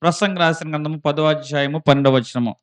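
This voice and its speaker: A man's voice: a little high, steady tone, fast talker, clear, resonant tone. A man preaching a sermon as pastor, asking questions of his listeners and rising into emphatic bursts. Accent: Telugu. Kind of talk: Telugu sermon.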